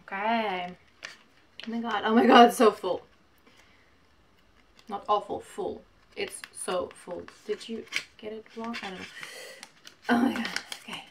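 A woman in her twenties chatting casually while opening mail at home, gushing and reading letters aloud haltingly. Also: mid-range voice, steady tone, vocal fry, background noise. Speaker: vlogger. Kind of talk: casual unboxing chat. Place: small home room, indoors.

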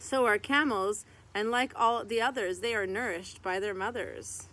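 A woman in her thirties reads a children's picture book aloud in a garden beside a tree, going phrase by phrase like a teacher and adding short asides. Her mid-range voice is bright and forceful at a normal speed. Birds and a rooster can be heard in the outdoor background.

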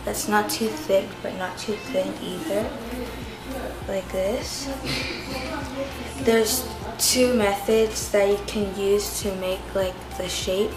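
Woman talking slowly through a baking demo at her kitchen counter, lots of "like" and "so", echoey room with music playing behind. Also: mid-range voice. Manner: chatty, loose, full of "like" and "so". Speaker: home cooking vlogger. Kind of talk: casual step-by-step cooking demonstration. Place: home kitchen countertop, indoors.

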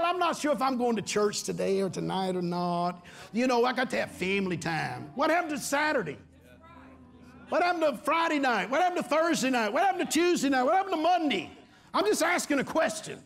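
A middle-aged pastor with a strikingly high voice preaches from a church stage. He drives his points home by repeating his phrases and calling out for amens and hallelujahs from the congregation. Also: a bit bright. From Texas. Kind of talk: sermon.

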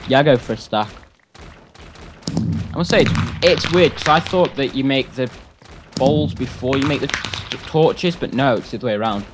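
A man's voice: medium pitch, normal speed, noisy background. A man hosting a gaming video, giving casual commentary and chatting with another player over voice chat. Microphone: voice chat call while gaming.

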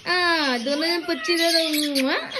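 A woman's voice: extremely high pitch, measured pace. A woman chatting with her pet parrots at home, coaxing and scolding them in baby talk. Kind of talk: casual talk to pet birds. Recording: loud background noise with bird chirps.

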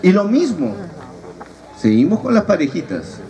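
A man's voice: sits high, huge pitch swings, a little slow, dark tone. A man giving a humorous preaching talk at a youth retreat and teasing his audience. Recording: distant mic, audible crowd, noisy.

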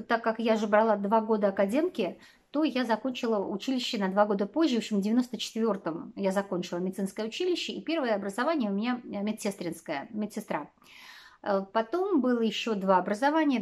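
A woman in her forties from Russia talks casually to a camera set close in front of her, in a slightly high voice. She rambles along with many fillers and little laughs, recorded in a small wood-panelled room. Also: a little mellow. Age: 40s. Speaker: vlogger.

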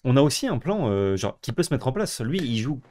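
A young man co-hosting a card game stream, chatting quickly and thinking aloud about his plays. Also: medium pitch, sing-song, a little mellow. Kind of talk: casual gaming chat.

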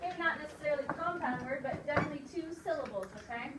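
A woman teacher leading a phonics dictation lesson, modeling each word slowly sound by sound and giving clear, encouraging prompts to the children. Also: high voice. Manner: slow, sound-by-sound modeling of words. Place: classroom. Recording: echoey room, distant mic, loud hiss.

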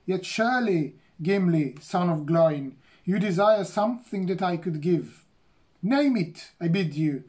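A man's voice: sits high, expressive, darkish tone. A man reading as a solemn elf queen. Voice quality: slow, measured, ceremonial reading. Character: graceful ancient elf queen, woman, solemn. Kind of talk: reading a novel aloud.

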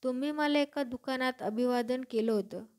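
A woman's voice: high-pitched, normal speed, lightly acted. A woman voicing a polite, puzzled young boy. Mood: curious.

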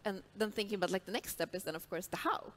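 A woman's voice: medium pitch, fast, slight background noise. A woman panelist on a large stage, speaking thoughtfully with a headset mic and many fillers like "kind of". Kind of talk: panel discussion.

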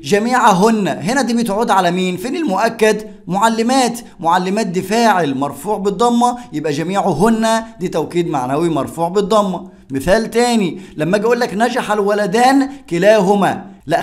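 A man speaking with an Egyptian accent, teaching a grammar lesson step by step and answering his own questions. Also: high-pitched. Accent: Egyptian Arabic.

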